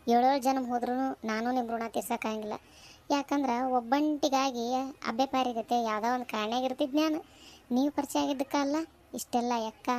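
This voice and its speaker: A woman's voice: a little high, darkish tone, lightly acted. A woman voicing an earnest, grateful village woman with a North Karnataka accent, speaking with heartfelt emphasis in a cartoon. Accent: North Karnataka Kannada. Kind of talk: cartoon voice acting.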